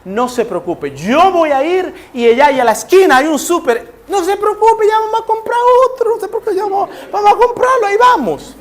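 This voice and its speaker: A man's voice: very animated, normal speed, hardly any pauses. A man voicing an eager church sister who reassures a friend with a Nicaraguan accent, laughing as she talks. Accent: Nicaraguan Spanish. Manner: high, breathless, laughing reassurance.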